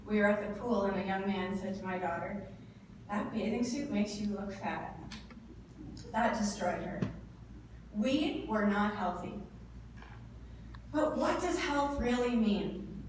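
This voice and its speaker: A woman's voice: mid-range voice, expressive, unhurried, pauses often. Echoey, distant Canadian woman giving motivational speech. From northern Ontario, Canada. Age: 30s. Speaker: motivational speaker. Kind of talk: prepared motivational speech to a live audience. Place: indoor event room before an audience. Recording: echoey room, distant mic, clear background noise.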